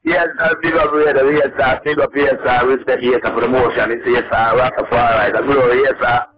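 A man's voice: mid-range voice, flat delivery, brisk, a crowd in the background. Man talking over the phone. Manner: loose, repetitive, upbeat patter with many "you know"s and "man"s. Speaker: reggae artist guest. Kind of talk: casual radio interview. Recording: muffled phone-line audio.

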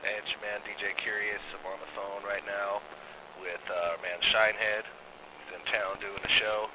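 Male DJ interviewer over the phone, low voice, relaxed questions, dull line. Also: normal speed, noisy background. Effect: heard over the phone.

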